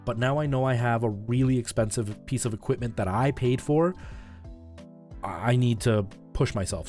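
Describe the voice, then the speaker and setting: Speaking in a medium-pitched voice with a darkish tone, a man streams to his viewers over music. His talk is casual and conversational as he explains things, frequently checking in with the audience.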